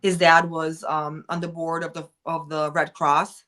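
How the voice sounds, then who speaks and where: Her voice is deep, level and slightly bright, and she takes her time. This American woman is a podcast guest in a laid-back chat, candid and meandering, constantly saying "like" and starting sentences over.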